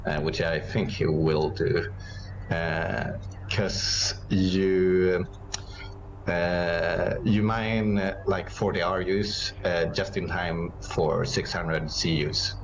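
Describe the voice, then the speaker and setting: A man's voice: deep voice, steady tone, extremely slow, highs cut off, noisy background. A man co-casting a strategy game match, rambling with many fillers, English not his first language. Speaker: co-caster and player. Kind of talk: casual game commentary.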